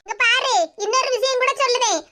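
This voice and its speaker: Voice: very high voice, steady tone, brisk. A performer doing a defiant rival daughter-in-law. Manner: defiant, taunting. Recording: loud background noise with clicks.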